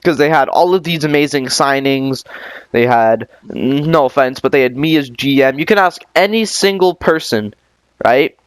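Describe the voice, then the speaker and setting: This male podcast host speaks at medium pitch and moderate speed, his tone clear and resonant with no echo. His casual interview talk wanders, full of fillers and false starts.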